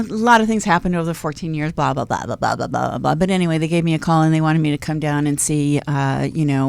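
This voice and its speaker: A woman with a low, gravelly voice hosts a radio talk show from a studio, wearing headphones at a studio mic. She chats casually and rambles, tossing in light jokes.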